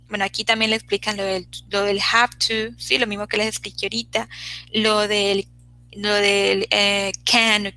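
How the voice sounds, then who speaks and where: A woman's voice: on the high side, sharp tone, low-quality recording. A woman teaching an online English class, checking in constantly with her students as she explains.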